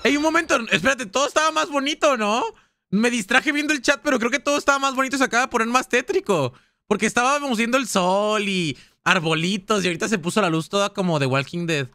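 A Mexican man streaming a survival horror game live, chatting excitably and casually with his viewers in slangy speech. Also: very high-pitched, fast talker, no echo. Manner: chatty, excitable, slangy, talks straight to chat. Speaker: gaming streamer. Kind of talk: live gaming commentary.

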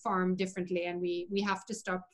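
A woman's voice: fairly low pitch, little pitch movement, rapid-fire, fairly bright tone. Earnest woman chatting on a call. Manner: earnest, opinionated, many fillers. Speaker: interview guest, vegan chef. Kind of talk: casual conversational interview.

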